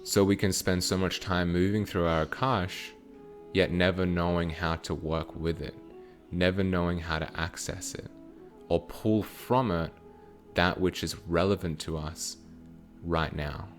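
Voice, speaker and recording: Male spiritual teacher, very deep voice, channeled teaching, measured pacing, faint music bed. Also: steady tone. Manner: slow, measured, broken into short phrases. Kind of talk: channeled teaching with guided meditation.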